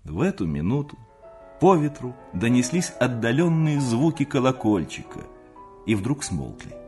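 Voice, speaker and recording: A man narrating a classic novel as an audiobook, expressive storytelling. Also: medium pitch, normal speed, faint music behind. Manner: expressive storytelling, acting out the characters.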